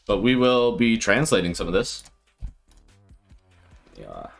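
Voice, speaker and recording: A man streaming live and thinking out loud with casual commentary, laughing often. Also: on the low side, huge pitch swings, slow, vocal fry, faint music behind. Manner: thinking aloud, frequent laughter.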